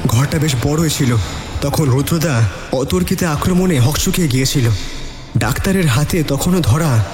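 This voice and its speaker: In a dramatic first-person style, a male narrator with a higher-pitched, somewhat dark voice tells a suspenseful detective story at normal speed. Music plays beneath him, and a long, echoing reverb surrounds his voice.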